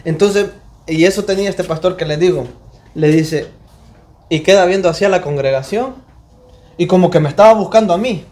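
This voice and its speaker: A Honduran man teaching a church Bible class, telling a personal testimony with lively storytelling and acted-out quotes. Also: high voice, normal speed, long pauses. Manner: animated storytelling, acting out quoted voices.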